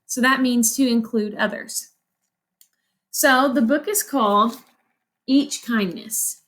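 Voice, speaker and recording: This elementary teacher reads slowly from a picture book, her voice on the high side with a fairly bright tone. She walks the children through it, asking questions and then answering them for them.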